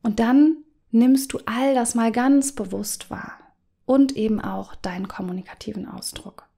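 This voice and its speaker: A woman coach hosting a podcast, speaking to the listener in a gentle, guiding way, sometimes letting phrases sink to a soft whisper. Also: on the high side, unhurried, gravelly. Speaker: business coach and podcast host.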